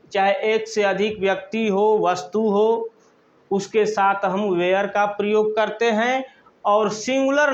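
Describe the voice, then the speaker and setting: A man with a Hindi accent teaches grammar, speaking very slowly and repeating each phrase as if dictating notes. His voice sits fairly high for a man. The recording sounds dull and lo-fi. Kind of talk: classroom grammar lesson.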